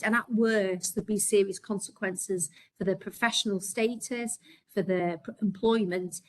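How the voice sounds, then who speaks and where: This woman speaks with a Scouse accent and presents at a quick clip. She is earnest and practical, with frequent ums and small restarts as she works through her slides. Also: mid-range voice, low-quality recording. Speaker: healthcare leader presenting. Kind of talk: webinar presentation.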